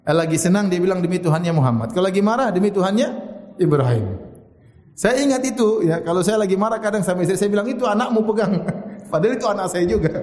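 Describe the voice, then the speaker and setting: A man giving a sermon, telling stories lively, quoting Arabic and joking. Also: high voice, quick pace. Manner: lively storytelling with Arabic quotes and jokes. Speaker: preacher. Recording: echoey hall.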